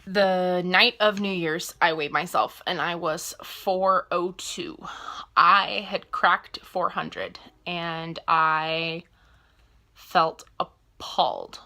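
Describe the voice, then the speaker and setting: Candid rambling woman in her twenties, bright. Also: fairly low pitch, steady tone, extremely slow. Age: 20s. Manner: rambling and candid, self-correcting mid-sentence. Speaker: vlogger. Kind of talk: casual personal vlog talk.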